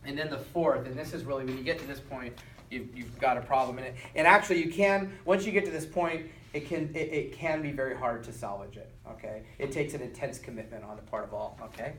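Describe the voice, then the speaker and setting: A man's voice: medium pitch, a little fast, a bit bright. A man lecturing a class, checking in with "okay?" and acting out quoted lines. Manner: repeats "okay?" and acts out quotes. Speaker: teacher. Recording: roomy, from far off, some noise.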